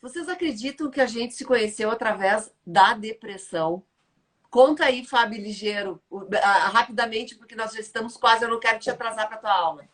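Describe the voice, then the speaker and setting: A woman hosting a casual chat, talking quickly with frequent asides to her audience. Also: fairly high pitch, a bit bright. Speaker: host.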